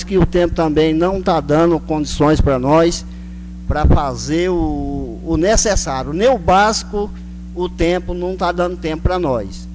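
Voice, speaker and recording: A man with a rural Brazilian caipira country accent giving a folksy, halting, informal speech as a town councillor. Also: high-pitched. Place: council chamber. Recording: noisy, humming public address recording.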